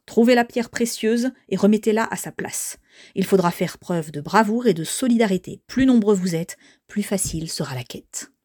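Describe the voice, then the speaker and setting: A wise old village sage, put on by a woman reading aloud, speaking in a slow, measured and solemn way. He sounds close and dry, as in a storybook reading. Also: mid-range voice, a little mellow, no echo, lightly acted.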